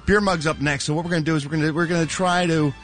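A man working as a radio entertainment reporter, chatting casually with halting, repeated words for comic emphasis. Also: on the high side, steady tone, fairly bright tone, faint music behind. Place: radio studio.

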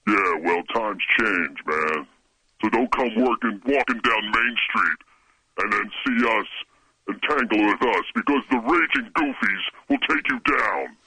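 A man on a phone call, his voice run through a voice changer, playing a tough-talking theme-park gang member who makes deadpan threats. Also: fairly low pitch, measured pace, slightly rough, dry recording, full character voice. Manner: menacing bravado, deadpan threats. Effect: voice changer disguise. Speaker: caller.

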